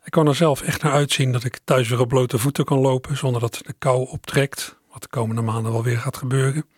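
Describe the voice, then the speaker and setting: Middle-aged male radio host, slightly husky, close and dry, relaxed reflective chat. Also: mid-range voice, fairly quick, dry recording. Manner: musing, conversational, addresses listeners directly. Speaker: radio presenter.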